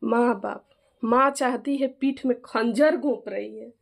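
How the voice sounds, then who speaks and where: Woman, middle-aged, eastern Hindi accent, high voice, heated, insistent, aggrieved vlog talk. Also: a little slow, vocal fry. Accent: eastern Hindi of Jharkhand. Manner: heated, insistent, keeps asking others to back her up. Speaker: vlogger and mother of the bride.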